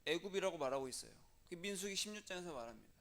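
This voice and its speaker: Man, pastor, high voice, lively sermon, acts out quotes, questions the congregation. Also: racing. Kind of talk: animated sermon with acted-out quotes.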